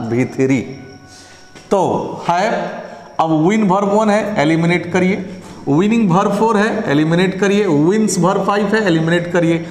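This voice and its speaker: Male grammar teacher, high voice, deliberate pacing, echoey room with a long tail. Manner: explains step by step and keeps asking "Is that clear?"; speaks slowly and deliberately, dictating. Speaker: English teacher. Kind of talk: exam prep lesson explaining grammar answers.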